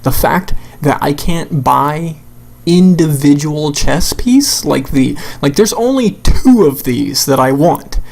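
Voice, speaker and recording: A man's voice: fairly high pitch, lively intonation, takes it slowly, vocal fry, a little mellow. A man giving an unscripted, blunt and sweary rant as commentary over a video game, sounding exasperated. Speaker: gamer making a rant video.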